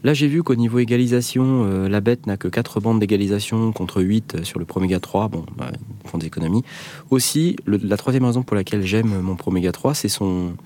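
Host, male, low voice, casual and halting delivery. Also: mellow. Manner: hesitant, many fillers. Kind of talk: casual chat.

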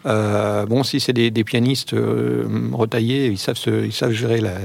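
A man's voice: mid-range voice, flat delivery, moderate pace, creaky. A man in a casual chat, joking and speaking in a stop-start way.

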